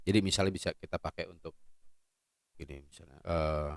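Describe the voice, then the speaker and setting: A man's voice: low-pitched, quick pace, creaky, heavy background noise. A man hosting a casual product review in a playful, joking, chatty way. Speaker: host and gear reviewer.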